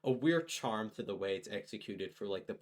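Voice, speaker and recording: Easygoing young male co-host, somewhat low, stop-start delivery. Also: animated. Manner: halting, lots of fillers and restarts, easygoing. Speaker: podcast co-host. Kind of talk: casual chat.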